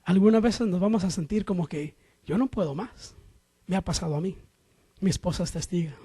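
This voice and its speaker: A man with a notably high voice preaches a sermon to his congregation. He fires off rhetorical questions and moves between loud, stressed lines and quiet asides. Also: quick pace, breathy edge.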